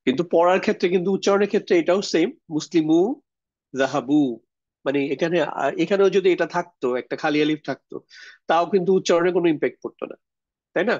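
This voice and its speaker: Male online tutor, slightly higher voice, patient step-by-step explainer, dry lo-fi call sound. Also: quick pace, a little mellow, dry recording. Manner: explains step by step, checks understanding with questions. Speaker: Arabic grammar teacher. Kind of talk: online class lecture. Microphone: video call.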